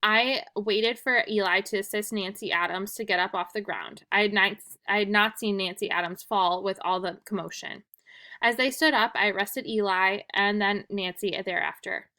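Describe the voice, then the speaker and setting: A woman's voice: mid-range voice, fairly even intonation, normal speed, sharp tone. A woman teacher reading a witness statement aloud to her class, plainly and evenly, with occasional restarts.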